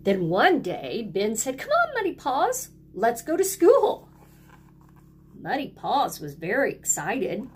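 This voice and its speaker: Her voice husky, medium-pitched and a little mellow, a woman reads a picture book aloud to children like a teacher. She speaks simply and deliberately, prompting the young listeners to join in and repeat words.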